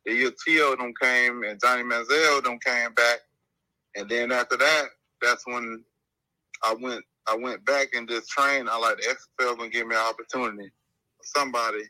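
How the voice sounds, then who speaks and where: Man on a speakerphone call, very bright. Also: medium pitch, steady tone, moderate pace, no echo. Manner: strings events together with "and then after that". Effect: phone call played over speakerphone held to the mic. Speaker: guest football player. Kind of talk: casual rambling life story.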